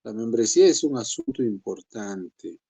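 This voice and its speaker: A man's voice: animated, moderate pace, creaky, warm tone, slightly rough. A man teaching a church session, speaking conversationally and addressing the congregation as brothers. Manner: acts out believers' excuses in a higher voice. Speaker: pastor.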